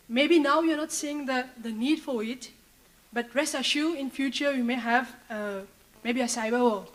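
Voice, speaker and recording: A woman's voice: on the high side, rough recording. A woman giving a direct public comment at a policy meeting in short, plain sentences. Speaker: audience member. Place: large conference hall.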